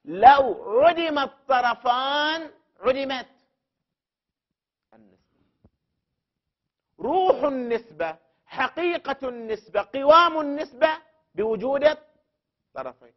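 A man's voice: very high voice, animated, takes it slowly, long pauses. A man teaching a classroom lesson on legal theory. He builds the argument step by step, repeats key terms for emphasis and puts questions to the student. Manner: addresses the student directly and poses questions. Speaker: teacher of jurisprudence principles. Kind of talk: classroom lecture. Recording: dull lo-fi recording.

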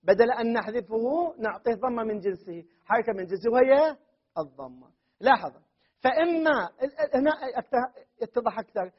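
In a very high, husky voice, a man teaches a grammar class, animated and brisk. He drills word forms aloud one after another and keeps checking whether his students follow. The recording sounds dull and lo-fi.

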